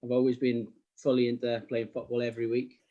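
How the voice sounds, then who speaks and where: A man's voice: medium pitch, completely flat delivery, fairly quick, phone-quality sound. A middle-aged man with a South Wales Valleys accent, chatting casually in an interview in a modest, hesitant way. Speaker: podcast guest, sports graphic designer.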